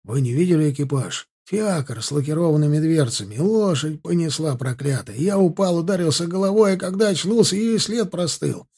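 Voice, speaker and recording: Burly, flustered coachman for an audiobook, hurried and anxious, a male narrator doing it with a husky voice. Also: on the high side, expressive, mellow.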